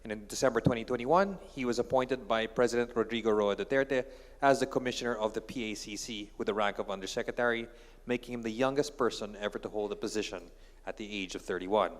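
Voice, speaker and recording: A man's voice: lowish voice, fast. A man with a Filipino accent moderating a conference, formally reading a speaker's introduction. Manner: formal, steady, reads prepared text. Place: large conference hall. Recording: long hall reverb.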